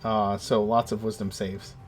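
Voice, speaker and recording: A man narrating as game master of a tabletop game in a casual, halting, improvised way. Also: lowish voice, level tone, faint music behind.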